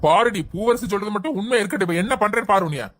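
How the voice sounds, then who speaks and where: A woman's voice: mid-range voice, very fast, slight background noise, natural voice. A woman voicing a strict, commanding middle-aged father in a family skit. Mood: stern. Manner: commanding, stern.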